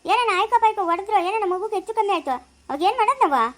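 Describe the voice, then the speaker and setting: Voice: very high voice, expressive, very fast, a bit bright. A girl playing a village woman who scolds and guards a baby in a family skit. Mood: stern scolding. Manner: scolding, argumentative.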